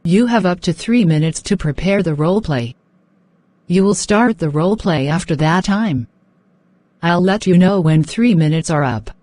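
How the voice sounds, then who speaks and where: A woman's voice: fairly low pitch, expressive, moderate pace, warm tone. A woman working as a speaking test examiner, reading out scripted questions and instructions in a polite, formal way.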